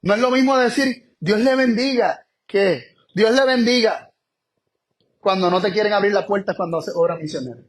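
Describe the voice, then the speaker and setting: A man preaching a Bible study sermon in an emphatic way, repeating key phrases and moving between slow, stressed words and quick asides. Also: high-pitched.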